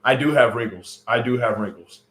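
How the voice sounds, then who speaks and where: Mid-range in pitch, a bit bright and fairly quick, this late-thirties man hosts a casual livestream. He's loose and chatty, teasing viewers over their comments, with lots of fillers, and his home stream mic adds a roomy echo.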